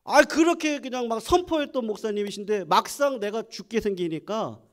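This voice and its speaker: A male senior pastor preaching a Sunday sermon, telling stories dramatically and swinging from loud proclamation to hushed near-whispers. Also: high voice, normal speed.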